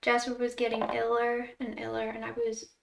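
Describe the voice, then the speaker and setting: Higher-voiced young Scottish woman, roomy sound. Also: completely flat delivery, moderate pace, gravelly. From Scotland. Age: 20s. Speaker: vlogger. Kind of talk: casual chat to viewers. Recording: roomy, slightly distant mic.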